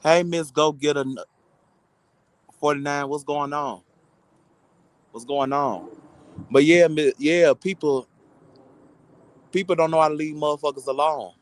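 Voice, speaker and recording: A man's voice: on the high side, fairly even intonation, a little slow, long pauses, low-quality recording. A content creator, a man, delivering a heated, insulting, mocking rant to his online audience.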